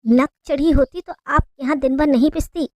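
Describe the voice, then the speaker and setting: A woman with a high, light voice tells a sad family story in first person, plaintive and expressive. The sound is close and dry, with no room around it. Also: moderate pace, dry recording.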